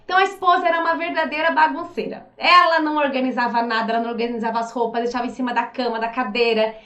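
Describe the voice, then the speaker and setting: High Brazilian woman coach, lively and chatty, echoey room. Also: racing, dull audio. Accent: Brazilian Portuguese. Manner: lively, acts out little quoted voices. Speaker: behavioral profile coach. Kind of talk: casual explanatory talk.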